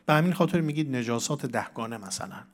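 Man giving a Quran commentary lecture. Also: medium pitch. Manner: explanatory, asks and answers own questions, recites Arabic verses. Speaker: cleric teaching Quran commentary. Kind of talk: religious lecture.

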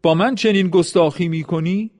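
A man's voice: high-pitched, pitched above the performer's own voice, lightly acted. A man voicing a harsh enemy commander who barks his orders. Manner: shouting, commanding.

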